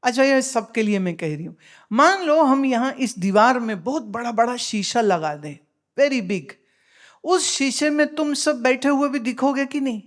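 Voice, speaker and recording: A woman's voice: sits high, animated, a little slow. A woman spiritual teacher giving a discourse, explaining with homely examples, asking her listeners questions and mixing in English phrases.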